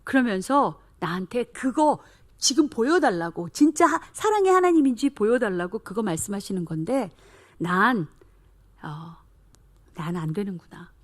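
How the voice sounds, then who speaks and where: Animated woman preacher telling a story. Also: medium pitch, normal speed. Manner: animated storytelling that acts out children's voices, then drops into hushed whispers. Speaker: missionary and school principal. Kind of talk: testimony sermon. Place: church sanctuary.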